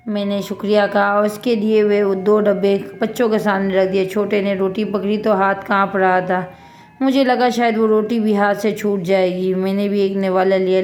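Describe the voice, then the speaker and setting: A woman's voice: medium pitch, a little mellow. Woman narrating a sorrowful story. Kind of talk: scripted first-person story narration.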